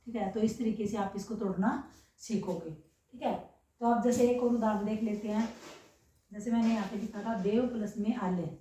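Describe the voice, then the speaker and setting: Speaking at normal speed in a warm, steady mid-range voice, a female teacher walks students through grammar. She keeps asking rhetorical questions and making sure they understand, and she is heard from far off in an echoey space.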